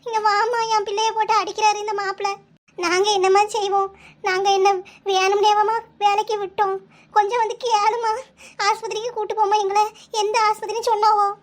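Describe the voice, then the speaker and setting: Lady doing a busybody village neighbor in a cartoon, kanyakumari tamil accent, super high squeaky voice, pretty monotone. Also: brisk. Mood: urgent. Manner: urgent, pleading, soothing. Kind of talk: cartoon voice acting.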